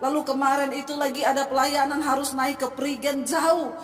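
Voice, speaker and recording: A middle-aged woman pastor, preaching in an animated, folksy way with rhetorical questions. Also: high voice, normal speed. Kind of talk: sermon. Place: church hall. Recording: echoey hall from far off with music.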